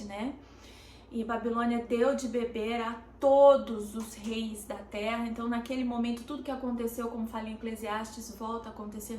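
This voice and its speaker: A Brazilian woman pastor preaches in a high voice, taking her time with pauses and fillers before pressing hard on key words. Her sermon rings with a roomy echo, and faint noise sits underneath. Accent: Brazilian Portuguese. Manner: deliberate, halting, with many pauses and "é" fillers. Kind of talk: sermon, streamed teaching.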